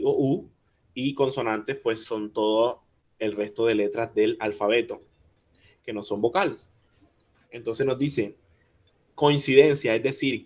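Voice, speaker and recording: A man teaching a workshop over a video call. He patiently explains step by step, asks the audience questions and slowly spells out syllables. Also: mid-range voice. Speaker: workshop speaker teaching rhyme. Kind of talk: online workshop lecture.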